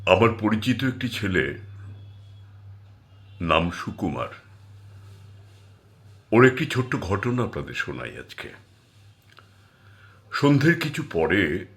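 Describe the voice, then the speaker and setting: Expressive male storyteller with bright voice. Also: low-pitched, takes it slowly, pauses often. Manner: expressive, dramatic. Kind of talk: spoken short story narration.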